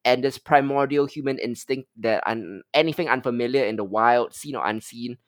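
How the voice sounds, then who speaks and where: Casting note: mid-pitched man, measured film recap, dry close sound. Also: dry recording. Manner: measured, summarizing with frequent "um". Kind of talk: film review summary.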